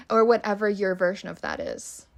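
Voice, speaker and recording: Hosting her podcast alone, this woman talks in a gravelly mid-range voice with a Valley Girl accent. She's laid-back yet emphatic, cursing freely and saying "like" constantly.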